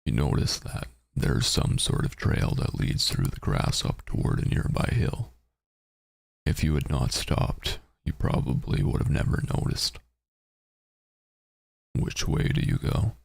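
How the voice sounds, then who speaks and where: A man streaming a game, reading its story text aloud and adding halting, muttered casual commentary. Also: wildly swooping pitch, dry recording, clean studio sound. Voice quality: very deep, gravelly, husky.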